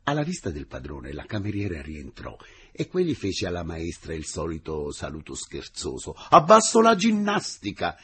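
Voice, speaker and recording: A man reading a classic novel aloud on the radio, in a measured, expressive storytelling manner. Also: a bass voice, breathy edge. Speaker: audiobook reader.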